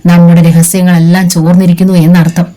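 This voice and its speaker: A woman's voice: lowish voice, level tone, fairly quick, warm tone, natural voice, rough recording. Woman reading as a cold scheming crime boss. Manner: cold, commanding. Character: scheming older male crime boss in wheelchair.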